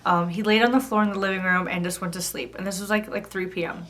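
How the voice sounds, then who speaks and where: A woman's voice: mid-range voice, fairly even intonation, quick pace, fairly bright tone. Chatty thirty-year-old woman vlogging. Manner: chatty, fillers of "like" throughout. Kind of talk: casual personal storytelling.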